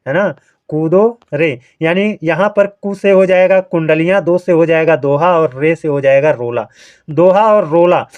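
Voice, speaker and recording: A man with a notably high voice teaches an exam-prep grammar lesson, taking each answer step by step and checking in with the listener. The recording is dull and lo-fi. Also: a little mellow, clean tone.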